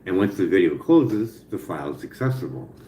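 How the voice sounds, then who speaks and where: Low-pitched male, toothless articulation, rambling off the cuff, echoey room. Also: animated, a little fast, dark tone. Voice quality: slurred articulation from missing teeth. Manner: rambling, repetitive, profane. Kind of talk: casual spoken brainstorming to an AI chat. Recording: roomy echo, faint background noise.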